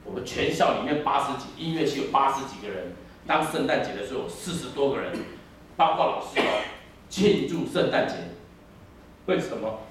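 A man in his fifties from Taiwan with a Taiwanese Mandarin accent, preaching an animated sermon and telling stories that slip into Taiwanese. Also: mid-range voice, a little fast, slight background noise. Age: 50s. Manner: animated, switches into Taiwanese, sings snatches. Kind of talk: sermon with storytelling and singing. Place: church hall. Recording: echoey hall, mic from a distance.

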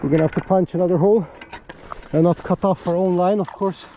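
An excitable man narrating his ice fishing out on a frozen lake, out of breath and talking straight to his viewers. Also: high-pitched, fast, noisy background. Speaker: fishing vlogger. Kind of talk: excited live commentary while ice fishing.

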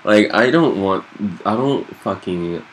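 A young man doing casual, profane game commentary with slangy frat-bro talk, excitable and whiny when he is losing. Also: fairly low pitch, slow pace, a little hiss or hum, rough recording. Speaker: gamer doing a playthrough of a fighting game. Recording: loud game music behind. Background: loud game music.

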